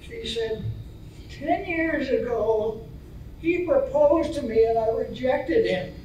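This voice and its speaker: An older woman playing a joking married man at a bar in an amateur stage comedy skit, delivering one-liners slowly. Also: high-pitched, animated, warm tone, lo-fi sound. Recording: echoey hall, far-off mic, faint noise.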